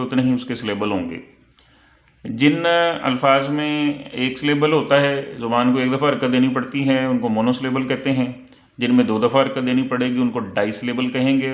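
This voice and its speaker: Male English tutor, patient and methodical, tinny and echoey home recording. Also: mid-range voice. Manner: slow, patient explaining, reading English phrases slowly then translating. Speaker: English teacher. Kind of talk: online lesson explaining multiple-choice questions. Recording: echoey, tinny phone-like audio.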